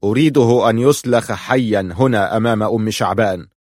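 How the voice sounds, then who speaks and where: A man reading the part of a cold, vengeful male ruler who speaks calmly and mockingly. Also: fairly low pitch, a little fast, no room sound, clean studio sound, lightly acted. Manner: calm, cutting and mocking.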